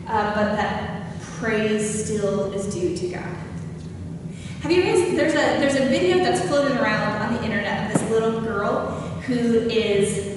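A young woman pastor giving a conversational sermon, chatting with and questioning her congregation. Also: a little high. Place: church sanctuary. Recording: echoey hall from far off, noisy.

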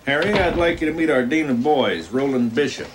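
A middle-aged actor playing a genial, self-deprecating school principal who chats easily. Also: male voice, medium pitch, lively intonation, fairly quick, background noise, lightly acted. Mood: amiable.

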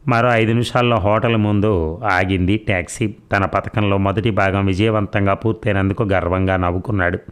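A man reads a romance novel aloud in steady, even narration. His voice is on the low side, plain and unhurried. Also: smooth. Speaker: audiobook narrator. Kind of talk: novel reading.

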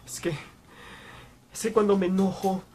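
Casting: male actor playing guilt-ridden young man, high voice, sorrowful, anguished, halting delivery, dramatic monologue. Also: flat delivery, warm tone, husky. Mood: pained confession. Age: young adult. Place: small room, indoors.

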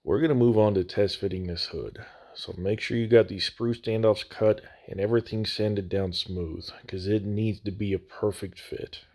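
A man's voice: on the low side, fairly even intonation, normal speed, few pauses, a little mellow. A man narrating a hands-on hobby tutorial in a casual, folksy, plain-spoken way, recorded on a slightly echoey phone mic. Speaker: host of a scale model building channel. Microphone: phone microphone.

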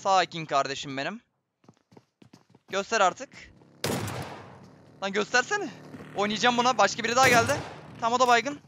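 A young man giving excitable, chatty live commentary on a shooter game to his viewers. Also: high-pitched, normal speed, pauses often, noisy background. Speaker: gaming streamer. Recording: game gunfire behind voice.

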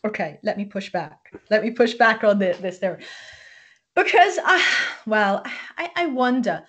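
A woman's voice: mid-range voice, expressive, normal speed, fairly bright tone. A woman hosting an academic interview, asking probing, long questions and often restarting her words. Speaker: host, interviewer.

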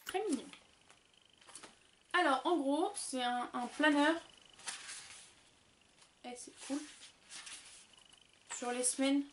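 An excitable young woman from France chats through an unboxing in a high, bright voice. She is loose, chatty and quick to swear. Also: a little hiss or hum. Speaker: booktuber. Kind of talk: casual unboxing chat.

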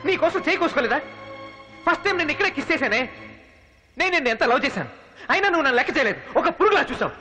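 An emotional young film hero in a dubbed movie scene. His high-set voice swings widely between hushed pleading and sharp mockery. A loud background score runs beneath his lines. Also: big pitch swings, very fast, pauses often, faint music behind, exaggerated voice. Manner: emotional, pleading, then mocking. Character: young male hero, pleading lover turned mocking trickster.

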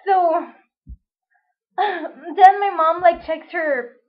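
A young woman tells a vlog story with lots of drama, fillers and swearing. Her voice is high and bright, and the recording sounds dull and lo-fi. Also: extremely slow. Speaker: vlogger.

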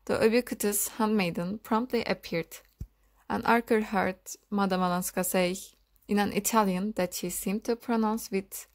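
A woman narrating a classic novel as an audiobook, reading in a measured, literary manner. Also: mid-range voice. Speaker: audiobook reader.

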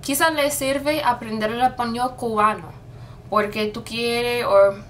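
A woman's voice: fairly high pitch, steady tone, unhurried, far from the mic, slight background noise. A young woman vlogging casually about learning a language, chatty and easygoing, slipping in English fillers like "so" and "like".

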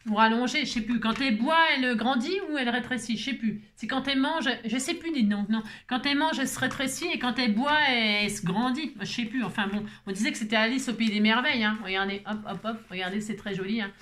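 A woman hosts a craft tutorial while unwell with a migraine, rambling to viewers as she works and tossing in self-mocking asides. Her voice is a little high and a bit bright, and she talks quickly with few pauses.

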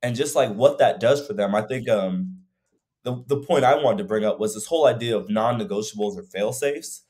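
His pitch sits fairly low and his tone is a little mellow, with delivery slightly on the fast side. The young man, a fitness coach, co-hosts a relaxed podcast conversation over video call from home, reflecting loosely and leaning on many fillers.

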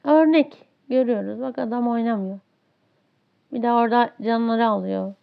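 A woman's voice: a little high, normal speed, gravelly. A woman commentating her own online match, ranting with exasperation about a teammate who won't play. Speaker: gaming streamer. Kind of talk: live gameplay commentary. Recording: dull lo-fi audio.

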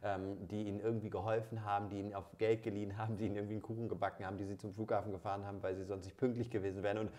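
A man's voice: fairly low pitch, flat delivery, rapid-fire, hardly any pauses, mellow. A man in his thirties hosting a podcast, chatting casually with many fillers and restarts. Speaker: podcast host. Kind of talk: casual interview chat. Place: studio room with dark backdrop.

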